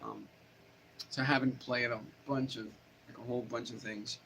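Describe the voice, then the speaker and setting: Casting: man, casual guitar teacher on a live stream, mid-pitched, rambling and self-correcting, faint hiss behind. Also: steady tone, moderate pace, creaky, sharp tone. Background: guitar playing.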